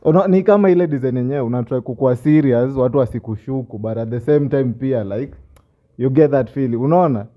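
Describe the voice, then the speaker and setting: A man with a Kenyan accent casually arguing a point to fellow players in a halting way, with many fillers. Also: medium pitch, lo-fi sound. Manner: halting, filler-heavy explaining with "like". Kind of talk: casual argument among players.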